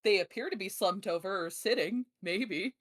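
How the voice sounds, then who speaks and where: A woman's voice: medium pitch, normal speed. A woman playing in a tabletop game, describing a character in an amused, casual way. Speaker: player. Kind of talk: casual chat.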